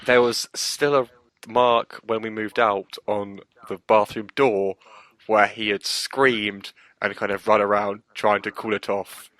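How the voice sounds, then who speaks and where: A man's voice: fairly low pitch, level tone, measured pace, a bit bright, no room sound, rough recording. A man co-hosting a casual podcast chat over an online call, laughing often as he tells stories. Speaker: podcast co-host.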